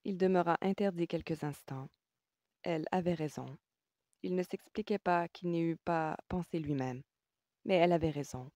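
A woman narrating an audiobook in a measured, even storytelling manner. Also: deep voice, no room sound, studio quality. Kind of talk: scripted narration.

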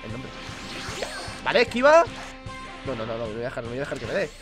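A young man from Spain with a Spanish accent, commentating his own online game match in fast, excitable bursts and cursing at his own mistakes. He sounds under the weather, with a cough. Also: medium pitch, music in the background. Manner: excitable, swearing at mistakes, counting out combos. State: ill with a cough. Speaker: gaming YouTuber. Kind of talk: live gameplay commentary.

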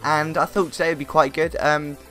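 A man's voice: a little high, level tone, brisk, pushed and bright, soft background music. A man hosting a let's play, giving chatty, easily sidetracked commentary as he plays. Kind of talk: casual gameplay commentary.

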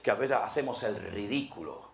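A male pastor delivering a sermon, emphatic, with big swings in pitch and loudness. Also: animated, normal speed, gravelly.

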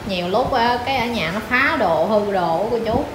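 A woman's voice: mid-range voice, lively intonation, moderate pace, noisy background. A young woman, chatting casually to her viewers about her pets and cooing to her dogs. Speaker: pet vlogger.

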